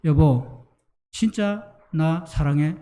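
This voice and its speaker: A male pastor voicing an earnest middle-aged wife who presses her husband, speaking soft and low. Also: slow.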